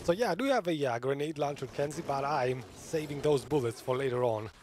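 Male streamer, casual and giggly, animated pitch, light background hiss. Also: brisk. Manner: chatty, laughs often, reads chat aloud. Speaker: gaming streamer. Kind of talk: live gameplay commentary.

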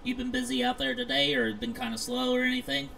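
A man's voice: very high voice, monotone, quick pace, pushed and bright. A man making friendly, polite small talk in character during a casual online game role-play. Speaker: player acting as a pizzeria owner. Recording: clear background noise.

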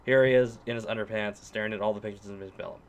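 A man's voice: on the low side, steady tone, quick pace. A man giving a crude, rambling ranting commentary. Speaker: reviewer being critiqued.

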